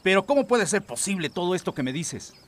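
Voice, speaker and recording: Man acting a high-pitched, blustering emperor. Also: big pitch swings, a little fast. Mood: indignant. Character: blustering, bossy Japanese emperor, indignant father. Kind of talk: children's audio story acting.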